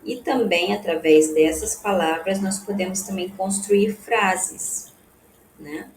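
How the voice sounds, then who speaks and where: A woman teacher explaining classroom activities in a halting way, often tagging phrases with a questioning "né?" and restarting words. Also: medium pitch, reverberant, slight background noise, low-quality recording. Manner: halting, frequent "né?" tags and restarts. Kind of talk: explaining a lesson.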